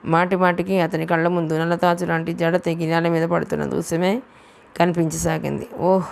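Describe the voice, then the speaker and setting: A woman's voice: lowish voice, level tone, fairly quick, gravelly. A woman reading a novel aloud as an audiobook narrator, steadily telling the story and voicing the dialogue herself.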